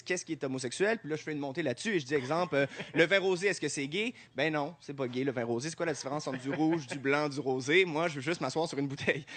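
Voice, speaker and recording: A man with a Québécois accent doing a stand-up comedy routine, animated and laughing often at his own jokes. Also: fairly high pitch, noisy background. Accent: Québécois French.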